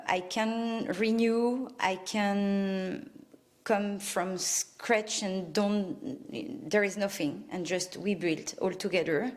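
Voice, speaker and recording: A woman with a French accent, an interior designer speaking as a guest in a casual interview, hesitant, with many filler sounds. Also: medium pitch. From France. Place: a home she designed.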